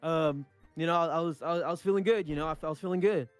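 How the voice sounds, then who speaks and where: A young man who grew up speaking Punjabi tells a story as co-host of a casual podcast, rambling, restarting often and swearing. His voice is a little high and fast, with a clean tone, no room sound and faint music behind.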